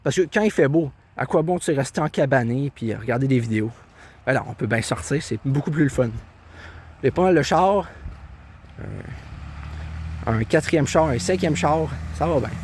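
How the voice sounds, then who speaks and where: A man's voice: medium pitch, lively intonation, normal speed, long pauses, a little mellow, slight background noise. A young man with a Québécois accent rambles cheerfully while walking a country trail, filming himself on a tablet held in his hand. His voice sits in a mid range and is easygoing and self-mocking. Faint outdoor ambience with birds and passing cars runs behind him. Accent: Québécois French. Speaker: vlogger. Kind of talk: casual walking vlog. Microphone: handheld tablet camera.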